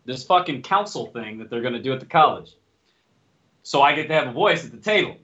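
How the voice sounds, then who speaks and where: A man's voice: medium pitch, lively intonation, a little fast, sharp tone. Blunt, profane man on a lo-fi mic. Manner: blunt, profane, straight-talking. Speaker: podcast host. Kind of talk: casual chat. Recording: dull lo-fi recording.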